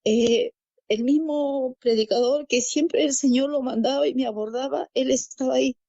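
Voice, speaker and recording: Speaking as a guest, a Peruvian woman who is a parent shares her conversion testimony, telling the story, acting out quoted dialogue and repeating phrases. Her voice sits high and is gravelly and warm, with a steady tone at a normal speed. The recording is muffled but has no echo.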